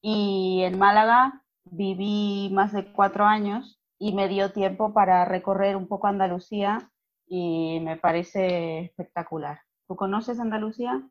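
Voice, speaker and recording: A woman's voice: medium pitch, fairly even intonation, unhurried. A woman from Buenos Aires with an Argentine accent, a Spanish teacher chatting at length as an interview guest, with many fillers. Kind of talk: casual interview chat. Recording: dull lo-fi audio.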